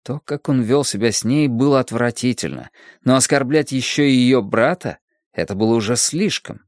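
A man's voice: mid-range voice, no echo. Dry close male audiobook narrator. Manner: measured, dramatic reading. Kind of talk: scripted narration.

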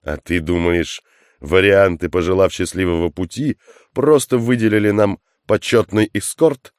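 A man doing a tough, wry squad leader in an audiobook, talking with sarcastic ease even under fire. The voice is deep and smooth, heard close and dry. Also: normal speed, no echo, natural voice. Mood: joking, sarcastic. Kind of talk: audiobook character voice.

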